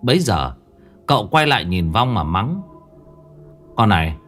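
A man's voice: fairly low pitch, moderate pace, slightly rough, soft background music. A man narrating a ghost story in a dramatic storytelling manner. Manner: dramatic, animated.

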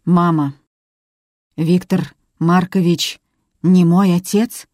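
A woman reads as a bewildered young house manager, speaking slowly and hesitantly as he questions. The sound is dry and close, like a storybook reading. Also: lowish voice, fairly even intonation, a little mellow, no echo. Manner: hesitant, hurt.

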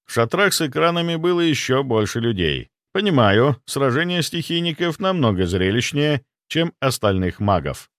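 A man reading an audiobook as narrator in an expressive storytelling manner. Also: mid-range voice, normal speed, few pauses, no echo, studio quality.

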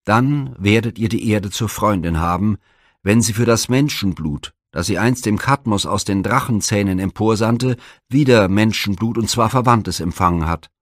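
A man's voice: lowish voice, normal speed, no room sound, clean studio sound, lightly acted. A man reading the part of a stern old blind seer in a myth storybook, speaking in grave, solemn pronouncements.

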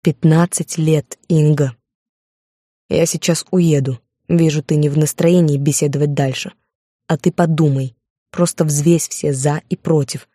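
Woman doing a cold smug possessive guy, slow and mocking, warm low voice, dry sound. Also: steady tone, no room sound, natural voice. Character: smug possessive male lover, cold and controlling.

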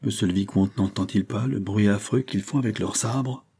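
A man's voice: lowish voice, moderate pace, creaky, mellow, breathy edge. A man doing an anxious castle groom. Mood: alarmed. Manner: urgent, fretful.

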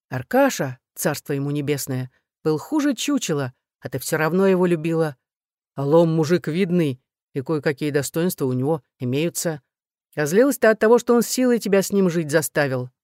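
A woman's voice: sits low, darkish tone, no room sound, studio quality. Woman doing a sly, world-weary girlfriend. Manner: wry, sighing, frank.

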